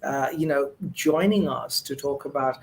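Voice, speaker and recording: A man's voice: mid-range voice, normal speed, vocal fry, a little hiss or hum, rough recording. A man hosting an interview show, effusive and full of thanks, with fillers and restarts. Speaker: host.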